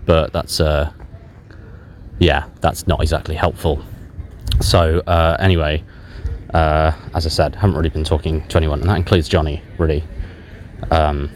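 A man with a very deep voice speaks into a handheld voice recorder while out in a park, with faint outdoor sound around him. He sounds low and numb, and his talk is halting, broken by pauses and fillers but frank. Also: level tone, slight background noise. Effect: self-recorded on a handheld voice recorder. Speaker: podcast host. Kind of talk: candid personal voice memo.

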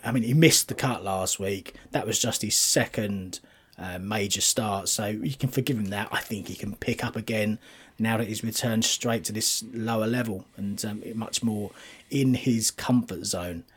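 A man talking through golf form, statistics and betting picks as a commentator, in a conversational, analytical way with a slightly husky voice. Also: medium pitch.

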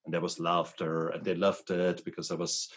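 Middle-aged man, interview host, very low voice, reflective storyteller. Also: completely flat delivery, normal speed.

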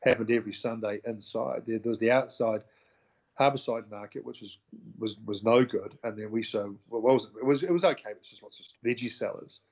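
Speaking brisk and mid-range, this New Zealand-accented man recounts his story as an interview guest, chatting casually. He animatedly acts out the dialogue of those he quotes, while the audio has its highs cut off.

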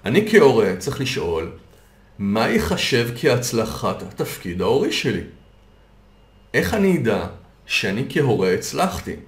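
A man talking through a concept on a podcast at a medium pitch, building his point step by step with worked examples. The recording has a roomy echo around his voice. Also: sing-song. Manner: patient, explains with worked examples. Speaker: coach and consultant. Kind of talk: explanatory podcast talk.

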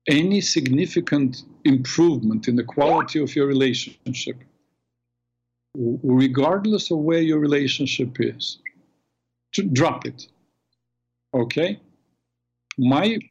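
A man hosting a call-in radio show in a smooth, calm and measured way, heard through a radio broadcast. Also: medium pitch. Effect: radio broadcast sound. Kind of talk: smooth radio host talk. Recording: dull lo-fi radio sound.

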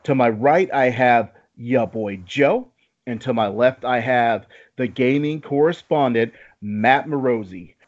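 Man, podcast host, announcer-like address, mid-pitched voice, lo-fi recording. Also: slow pace. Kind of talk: talk show hosting. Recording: slightly dull, lo-fi podcast audio.

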